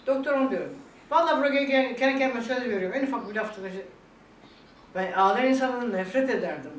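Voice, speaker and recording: An older woman talks quickly and with feeling, tearful one moment and laughing the next. She is recorded from some distance in an echoey room with faint noise behind her. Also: fairly high pitch. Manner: tearful and laughing by turns, quoting others. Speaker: vlog guest talking about her illness. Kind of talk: emotional casual chat.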